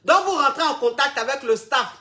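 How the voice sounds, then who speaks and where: A woman's voice: high-pitched, animated, a little fast, bright, forceful tone. A woman hosting a live call-in advice show, direct and affectionate. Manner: direct, affectionate, calls listeners darling.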